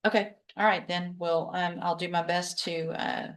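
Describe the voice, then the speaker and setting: A woman's voice: on the low side, steady tone, moderate pace, a bit bright. A woman presiding as judge in a courtroom hearing, giving firm, direct instructions.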